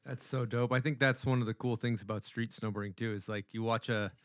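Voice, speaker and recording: A man's voice: medium pitch, steady tone, fairly quick, smooth, no echo, clean studio sound. A man co-hosting a podcast, chatting in a laid-back way with casual slang. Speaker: podcast co-host.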